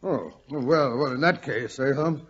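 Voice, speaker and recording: An actor playing a fussy, bumbling British gentleman doctor in an old radio drama, blustery and hesitant, with a British accent. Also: medium pitch, a little slow, a little hiss or hum, lightly acted. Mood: blustery, flustered. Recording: dull lo-fi old radio recording.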